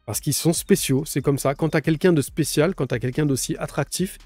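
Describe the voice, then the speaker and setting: Male podcast host, dark mellow tone, rambling enthusiastic delivery, dry close sound. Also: on the high side, fairly quick, dry recording, faint music behind. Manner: rambling, restarts often, enthusiastic about fighters. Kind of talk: casual solo commentary.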